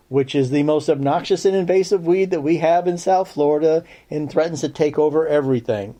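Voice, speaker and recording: A man's voice: on the high side, warm tone. A man giving a casual spoken lesson on herbs for a podcast, chatty and checking in with his listeners, with dry sarcastic asides. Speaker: herbal lore teacher on a podcast.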